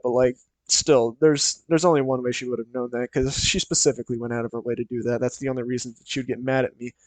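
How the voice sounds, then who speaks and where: A man's voice: mid-range voice, a little mellow, smooth, no room sound. Rambling young man telling a story. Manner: rambling, full of "so" and "like". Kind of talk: casual storytime narration.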